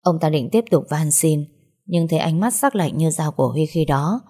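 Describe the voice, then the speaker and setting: A woman narrating a first-person story in a steady, dramatic reading. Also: low voice, moderate pace, husky.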